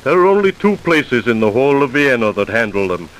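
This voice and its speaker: On a hissy old radio recording, a man performs a 1940s drama role as an older forensic scientist professor, methodical and dry, musing as he explains. His medium-pitched delivery is brisk, very animated, and lightly acted, with mumbled "mm" and "uh" sounds and wry asides.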